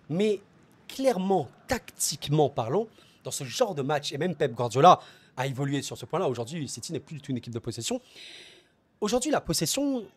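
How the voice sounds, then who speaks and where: A man hosting a solo football debrief, talking passionately and directly to his viewers, often repeating words and restarting phrases as he thinks aloud. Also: a little high. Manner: passionate, talks straight to viewers as friends. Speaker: football channel host.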